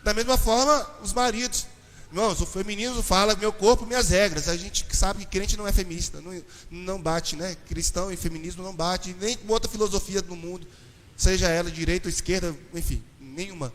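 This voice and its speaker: A Brazilian man, a pastor, giving a lively church talk on marriage and questioning his audience. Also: high-pitched, fairly quick. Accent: Brazilian Portuguese. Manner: animated, addresses the audience with questions. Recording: reverberant hall, distant mic.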